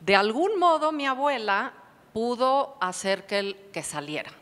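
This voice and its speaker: In a long, reverberant hall, a woman psychotherapist from Mexico gives a lecture at an academic conference, posing rhetorical questions and explaining thoughtfully. Her delivery is expressive and a little slow, in a fairly bright voice on the high side.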